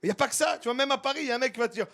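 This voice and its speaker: A man doing a stand-up comedy routine on stage, animated and slipping into playful put-on voices. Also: very high-pitched, racing, slight background noise. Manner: animated, slips into many put-on accents. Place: comedy stage before a live audience.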